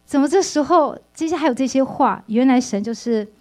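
A woman's voice: high-pitched, brisk, a little mellow. A middle-aged woman giving an earnest, emotional church testimony, often restarting her sentences. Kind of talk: personal faith testimony.

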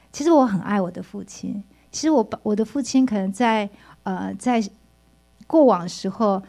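A middle-aged woman giving an earnest, emotional church testimony, often restarting her sentences. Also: a little high. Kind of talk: personal faith testimony.

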